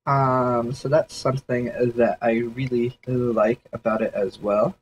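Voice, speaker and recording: A man's voice: mid-range voice, little pitch movement, unhurried, lo-fi sound, slight background noise. Man thinking aloud while sketching. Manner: rambling, hedging with "kind of" and "um". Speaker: 3D artist streaming a sketch session. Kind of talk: casual livestream thinking aloud.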